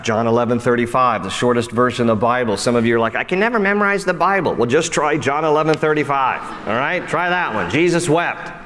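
A man preaching a sermon, animated, often dropping low and soft for emphasis and speaking straight to his listeners. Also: long reverb tail. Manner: acts out quoted voices and speaks straight to listeners. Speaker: pastor.

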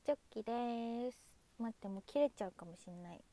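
Speaking quickly and with animation, a young woman with a slightly high, mellow voice hosts a casual livestream as an idol. She chats, thanks viewers one by one by name, and waves goodbye for the night.

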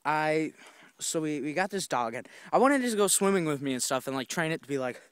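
A young man on a wooded trail talks into a handheld phone as he walks, telling a rambling, profane vlog story full of fillers and restarts. His voice is a little high, expressive, fairly quick and fairly bright, with a clean tone and a dry recording.

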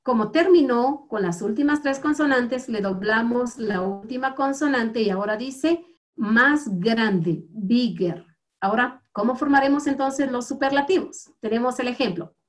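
A woman teaching English grammar to schoolchildren in Guatemalan Spanish, slow and patient, repeating words for the class to copy. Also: a little high.

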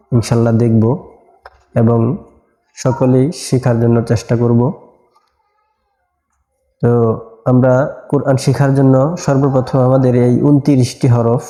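A man teaching Quran letter pronunciation as a lesson, repeating each letter slowly and drawn out. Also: medium pitch, mellow, roomy sound. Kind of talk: slow recitation lesson.

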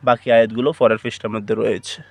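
A man's voice: on the low side, little pitch movement, very fast, slight background noise. A man teaching Quran reading, spelling out letters and syllables one by one in a rhythmic, repetitive drill with a Bangladeshi Bengali accent.

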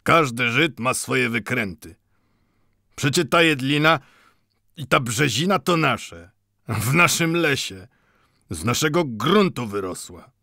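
A man's voice: medium pitch, animated, slow, vocal fry, pauses often, bright, forceful tone, dry recording, clean studio sound, pitched above the performer's own voice, full character voice. A man voicing a fat, smug watchmaker in an audiobook, speaking in an offhand, dismissive way.

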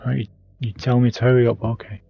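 A man's voice: medium pitch, little pitch movement, fast, gravelly, husky, muffled recording. A man streaming a horror game, commenting live in a scared, jumpy way and swearing as he plays. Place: small indoor room, wearing a VR headset. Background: horror game music and sounds.

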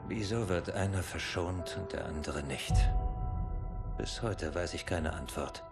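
A man's voice: low voice, a little slow. An actor playing a somber soldier narrating his grief in a grave, reflective game monologue. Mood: somber reflection. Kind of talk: scripted dramatic game narration. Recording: loud music behind.

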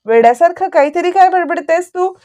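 A woman's voice: very high voice, expressive, brisk, dark tone, pitched above the performer's own voice. A woman voicing a worried, protective middle-aged father who presses anxious questions.

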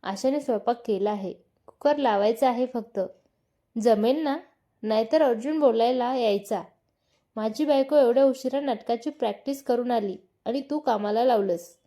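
A resentful, sharp-tongued elder sister-in-law who makes sly, taunting remarks, as a woman reads her out. Her voice is fairly high and mellow. She is heard in a spoken storybook. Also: normal speed, natural voice.

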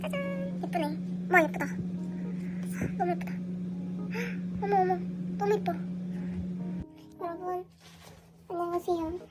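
Vlogger, female, voice-changed into a very high chipmunk pitch, hoarse underneath, gushy, music bed behind. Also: animated, a little slow, pauses often. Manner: squeals and gushes often. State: hoarse from illness. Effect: pitch-raising voice changer. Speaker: album unboxing vlogger. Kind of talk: casual excited unboxing chat.

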